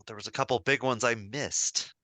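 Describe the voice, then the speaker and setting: A man co-hosting a podcast, chatting casually and getting animated as he recalls a story. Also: medium pitch, normal speed, no room sound. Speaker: podcast co-host. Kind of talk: casual chat.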